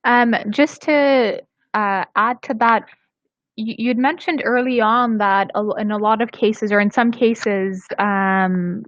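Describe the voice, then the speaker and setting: A woman moderates a live question session at an average pitch, hesitating often. The sound is dry and dull, as over a video call. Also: no room sound. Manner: hesitant, many fillers. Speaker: webinar host and moderator.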